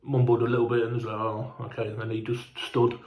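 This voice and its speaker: Rambling, swearing English bloke. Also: male voice, medium pitch, completely flat delivery, fast, a little mellow, roomy sound. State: hungover and unwell. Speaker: fan vlogger. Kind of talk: casual storytelling.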